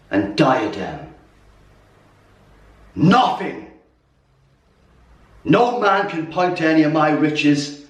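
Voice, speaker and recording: An actor playing a proud, wounded warrior king who rebukes his troops in a slow, declamatory theatrical monologue with weighty pauses. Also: a little high. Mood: proud, indignant. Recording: roomy echo, distant mic.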